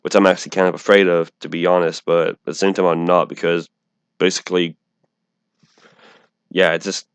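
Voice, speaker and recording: A man giving casual, unscripted game strategy commentary in a halting, rambling way, with a speech impediment that makes his R's sound like W's. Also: sits low, no room sound. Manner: rambling, halting, with false starts and self-corrections. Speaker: online gamer presenting an opposing team.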